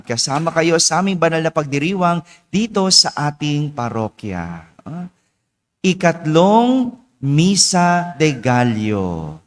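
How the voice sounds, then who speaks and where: A male priest giving a homily at morning mass, chatty and teasing the congregation with quick asides. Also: on the high side. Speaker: parish priest. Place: church. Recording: long church reverb.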